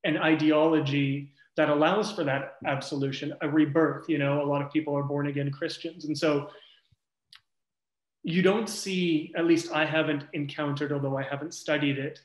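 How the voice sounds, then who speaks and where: In an echoey room, a man with a flat, slightly high voice walks through his research during an academic panel discussion. He keeps a moderate pace, sounding thoughtful and loose while often groping for words.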